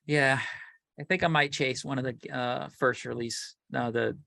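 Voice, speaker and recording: A man's voice: medium pitch, measured pace, gravelly, dry recording, clean studio sound. A man co-hosting a collecting podcast in casual chat, rambling and restarting as he tells his stories. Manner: animated, rambling with many restarts. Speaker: podcast co-host.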